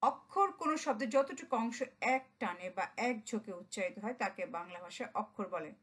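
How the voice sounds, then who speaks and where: A woman teaching a grammar lesson, explaining terms in a steady classroom manner. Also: on the high side, fairly quick, low-quality recording. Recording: loud background noise.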